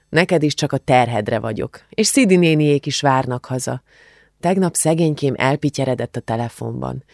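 Audiobook figure: male reader voicing a gentle, worried young woman, slightly raised pitch, gravelly edge. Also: dry recording, clean studio sound. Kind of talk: audiobook character voice.

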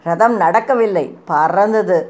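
Woman, narrator, storybook reading, measured, expressive, mid pitch. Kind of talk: storybook reading of a historical novel.

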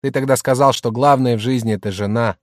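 A man reading an audiobook, voicing a middle-aged merchant's wife who mocks and shouts at her husband. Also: mid-range voice, steady tone, quick pace, dry recording, studio quality, close to an everyday voice. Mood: shouting. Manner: loud, mocking, hectoring.

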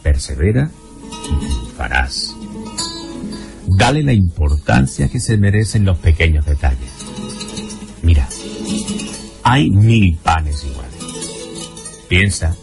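Over guitar music, a man with a low-pitched voice and vocal fry delivers a scripted, measured narration in a calm, advising tone.

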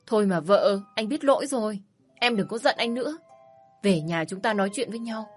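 A woman's voice: mid-range voice, animated, fairly quick, breathy edge, faint music behind. Woman putting on a smug, pushy ex-husband. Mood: placating. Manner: wheedling, mocking, overly familiar. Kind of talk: storybook narration.

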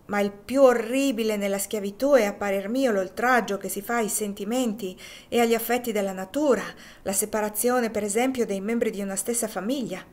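A woman's voice: medium pitch, brisk, few pauses, darkish tone, close to an everyday voice. A woman reading the lines of an earnest, compassionate lady who speaks with emphasis.

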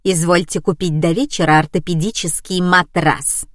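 A woman's voice: on the low side, fairly even intonation, moderate pace, dry recording, studio quality, natural voice. A woman voicing a haughty, pompous older lady who speaks formally. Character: haughty older woman, mother of a pop star.

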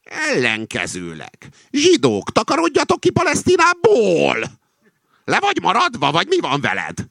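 A man voicing a suspicious, touchy male fox in a fable reading, with high agitated accusing outbursts. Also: huge pitch swings, fairly bright tone, no room sound, clean studio sound, full character voice. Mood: indignant. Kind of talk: acted reading of a satirical fable.

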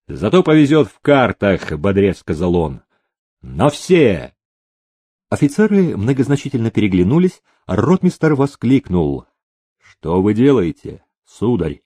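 A man reading a historical novel aloud, telling it in a lively way with frequent hesitation sounds. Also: medium pitch, no echo. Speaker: audiobook reader.

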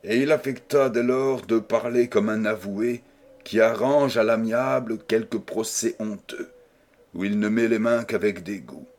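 A fairly low-pitched male voice reads a classic novel as an audiobook, telling the story in a measured, even way.

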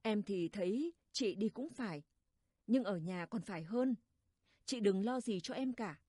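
A woman voicing a gentle, guilty younger brother who reasons worriedly with his sister in a storybook reading. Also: medium pitch, lively intonation, measured pace, dry recording, studio quality.

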